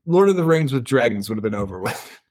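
A man's voice: medium pitch, sing-song, fast, darkish tone. A man co-hosting a book podcast, casually retelling scenes, reading quotes aloud and laughing often.

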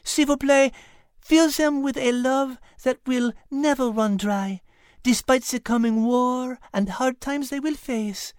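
A woman voicing a gentle, devout French woman with a French accent and a soft, polite way of talking. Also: sits high, slow, few pauses, dry recording, clean studio sound. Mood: tender.

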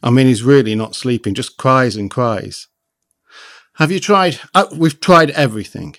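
A man's voice: mid-range voice, expressive, normal speed, fairly bright tone, no room sound, studio quality. A man reading as a worried young father. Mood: anxious.

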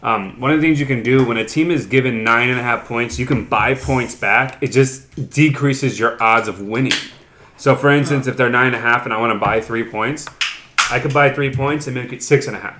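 A man hosting a casual sports betting podcast, rambling and explaining bets in a relaxed way. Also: medium pitch, brisk, background noise. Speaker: podcast host.

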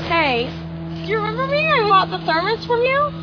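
A persistent, friendly young woman in an indie film. Her voice is high and lively, casual and natural, in a dull clip with loud music behind it. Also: fairly quick. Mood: friendly, insistent.

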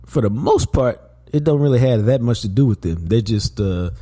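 Animated man, warm tone. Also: mid-range voice, normal speed. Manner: animated, slangy, repeats words for emphasis. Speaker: podcast host. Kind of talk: casual sports talk.

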